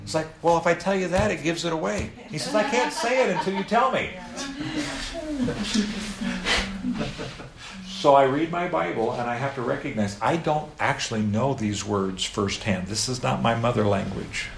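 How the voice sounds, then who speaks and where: A middle-aged American preacher addresses a live audience with animated stories and playful asides. His fairly high voice has vocal fry and a measured pace. The echoey recording carries faint background noise, including a crowd.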